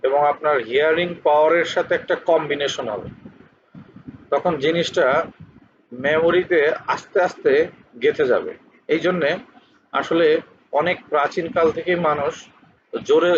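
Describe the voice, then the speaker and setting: Guy teaching homonyms, lots of umms, spells stuff out, muffled recording with slight hiss. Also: on the high side. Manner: halting, many filler sounds, spells words letter by letter. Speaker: English teacher. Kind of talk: spoken homonyms lesson. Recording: dull lo-fi recording with faint hiss.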